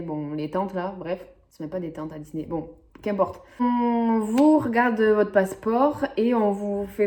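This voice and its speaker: A woman's voice: medium pitch, mellow. A young woman from the French Basque Country telling a story to camera in a chatty, rambling way, full of fillers and asides. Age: young adult. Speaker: vlogger. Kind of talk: casual storytelling vlog.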